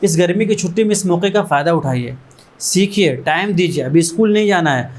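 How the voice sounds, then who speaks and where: This man's high voice is expressive and brisk as he delivers an earnest motivational talk. He founded an education trust, and in a learning centre room he spurs students on through chains of short, repeated phrases.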